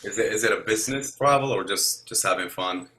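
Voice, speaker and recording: Male podcast host, very deep voice, bright forceful tone, upbeat and chatty. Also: a little fast, poor audio. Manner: upbeat, chatty host who keeps things moving. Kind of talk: casual podcast hosting.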